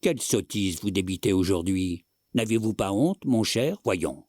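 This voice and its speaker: A man's voice: on the low side, animated, normal speed, no room sound, studio quality. A man voicing an irritable young wife who scolds her husband impatiently. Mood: scolding. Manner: sharp, scolding.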